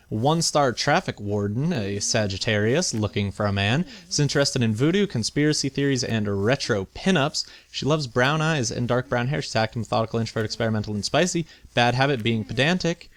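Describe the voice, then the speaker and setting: A man hosting a video game let's play gives casual, chatty commentary, thinking aloud with playful mock indignation. His voice is medium-pitched.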